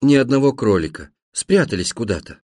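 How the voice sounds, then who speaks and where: Male narrator for a literary first-person audiobook, measured and expressive, lively pitch, dry close read. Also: dry recording.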